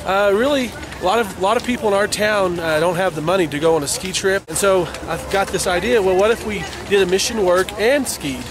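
A man in his thirties, a youth pastor, chatting upbeat to a close camera outdoors at a ski slope, rambling with many pauses. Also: high voice. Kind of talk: casual vlog to camera. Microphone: handheld camera close up. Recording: outdoor wind noise.

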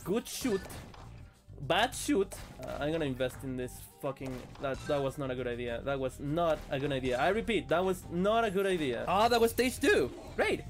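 A sick man streaming a video game, excitable and swearing as he plays. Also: fairly high pitch, moderate pace, soft background music. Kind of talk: casual gameplay commentary.

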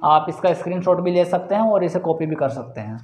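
A man teaching English pronunciation in a casual spoken lesson, slowly repeating example sounds and often calling his viewers guys. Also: sits high, lively intonation, a little mellow. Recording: roomy echo.

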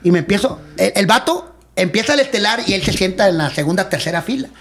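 A middle-aged man, telling stories in a casual interview, animated and full of sound effects. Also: high voice, a little hiss or hum. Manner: rapid, animated storytelling with sound effects and acted-out quotes. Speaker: guest, retired wrestler.

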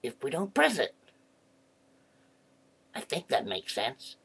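Man voicing a playful puppet boy for kids: gravelly, husky, fairly low. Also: huge pitch swings, takes it slowly, a bit bright, exaggerated voice. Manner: chatty and playful. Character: friendly curious male puppet boy. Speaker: puppet character. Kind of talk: children's puppet show.

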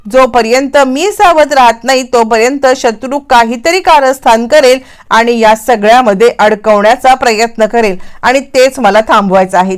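A woman retelling a TV serial episode as a flowing, animated story, mixing in English words. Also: fairly high pitch, smooth. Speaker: serial recap narrator. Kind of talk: dramatic storytelling recap of a TV serial.

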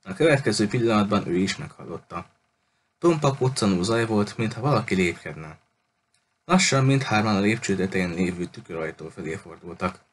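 A man reading a novel aloud as an audiobook in a steady way, with small slips and restarts. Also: fairly low pitch, breathy edge. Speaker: audiobook reader. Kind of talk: audiobook narration.

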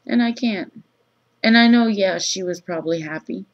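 Groggy just-woke-up woman, dull lo-fi sound. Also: medium pitch. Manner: halting, pausing often mid-thought. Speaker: vlogger. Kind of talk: casual confessional vlog. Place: small room indoors.

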